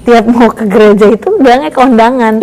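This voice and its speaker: A woman's voice: fairly high pitch, fairly quick. A young woman telling her personal story in a casual interview, acting out the voices of the people in it. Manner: lively storyteller acting out quoted dialogue. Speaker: guest sharing her conversion testimony.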